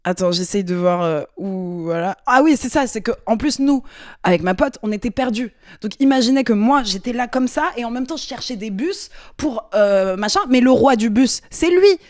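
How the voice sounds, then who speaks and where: A woman's voice: fairly high pitch, animated, normal speed, darkish tone, no echo, studio quality. A young woman hosting a podcast, telling a story in a casual, slangy way with lots of fillers and restarts. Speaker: podcast host.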